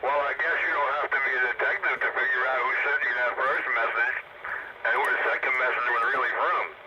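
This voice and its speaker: A man's voice: mid-range voice, steady tone, brisk. A man talking over CB radio in casual chatter, rambling in a profane, boastful, taunting way. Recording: muffled CB radio with loud static.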